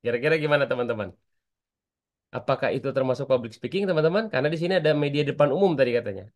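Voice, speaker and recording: A man's voice: medium pitch, very fast. A man teaching an online public speaking class, chatty and constantly asking his students for answers.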